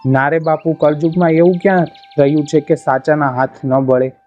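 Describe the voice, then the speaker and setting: A man's voice: fairly high pitch, steady tone, a little fast, natural voice. A man voicing a poor old woman bard who pleads humbly, told within a storybook reading. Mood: pleading. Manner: pleading, imploring. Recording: slightly muffled, soft music behind.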